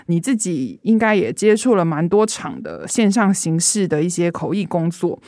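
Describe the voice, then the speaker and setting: Woman host, Taiwanese Mandarin accent, slightly low voice, quick conversational questions, dry sound. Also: big pitch swings, dark tone, no echo. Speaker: podcast host, interviewer. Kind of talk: conversational interviewing.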